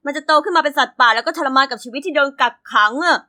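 A woman voicing an earnest teenage boy activist in an animated story, lecturing in a lowered, scolding tone. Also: racing.

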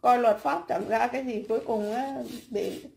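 A woman's voice: on the high side, normal speed, vocal fry, darkish tone, a little hiss or hum. Blunt woman ranting. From Vietnam. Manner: blunt, coarse and scornful, with many repeated fillers. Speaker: livestreamer. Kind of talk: casual livestream rant. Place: at home, making cakes while she talks.

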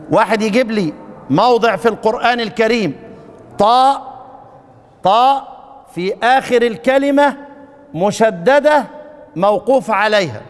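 A high-voiced man, sounding like he's in a big room, gives an informal Quran recitation class in a mosque lesson hall. He speaks with an Upper Egyptian Arabic accent, testing his students with questions and joking around.

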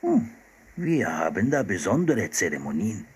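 A calm, kindly old seal hunter explains patiently in an unhurried way, as a man reads him in a bedtime story. His voice is low and husky. The tone rises and falls gently as he explains. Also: exaggerated voice.

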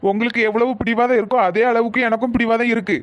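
A stubborn young village man, voiced by a cartoon actor who drops the voice lower. He fires off his lines fast and curtly, and the audio is dull and dry. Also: steady tone, dry recording, lightly acted. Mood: defiant. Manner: firm, curt. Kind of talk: cartoon voice acting.

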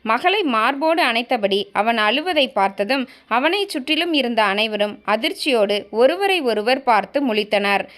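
A woman narrates a story in a calm, even storytelling manner. Her voice sits slightly high, and she keeps the characters' lines close to her own voice. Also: normal speed.

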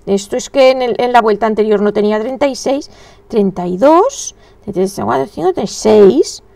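A woman's voice: fairly high pitch, expressive, fast talker, creaky, dark tone, no room sound. Chatty woman counting stitches. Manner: chatty, thinks aloud, counts stitches under her breath. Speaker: crochet instructor. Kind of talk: casual crochet tutorial.

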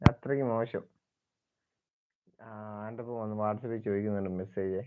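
A man's voice: on the low side, fairly even intonation, moderate pace, clean tone, no echo. A man hosting a casual live stream, chatting, teasing and greeting viewers by name as he reads their comments. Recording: dry, slightly dull sound.

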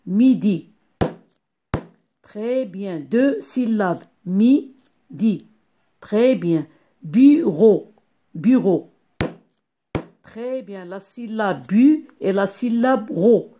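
A woman teaching a young class, speaking slowly and deliberately, repeating each sound and syllable and praising the pupils warmly. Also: medium pitch, animated. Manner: encouraging, addresses pupils as "my dear ones". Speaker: primary school teacher. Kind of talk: slow classroom phonics lesson.

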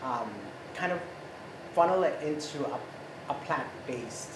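A man in his thirties, born in Ecuador, explaining a recipe as a chef in a relaxed, explanatory way with many fillers, recorded by a far camera in a home kitchen. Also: fairly high pitch, measured pace. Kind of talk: cooking demonstration chat. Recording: echoey kitchen with background noise.

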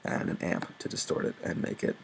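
Over heavy background noise, a young man talks a little fast while presenting a music production tutorial. It's unscripted and casual, full of swearing, and he keeps poking fun at himself as he explains.

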